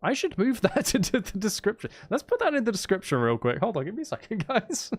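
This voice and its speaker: Speaking fast in a high voice full of huge pitch swings, a man hosts a live game stream as its streamer and channel host. Playful and casual, he talks to chat and to himself.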